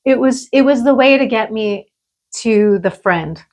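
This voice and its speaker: A woman's voice: on the high side, a little slow, darkish tone. A woman, a medium, chatting casually about her readings, with many fillers and easy laughs. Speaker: medium co-host. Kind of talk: casual chat.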